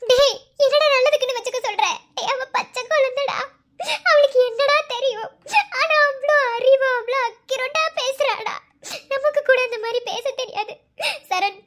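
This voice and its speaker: Someone voicing a tearful, squeaky-high cartoon mother. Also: fairly bright tone. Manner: pleading, sobbing and repeating his name. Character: distraught young mother, guilt-ridden and tearful. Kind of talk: cartoon voice acting.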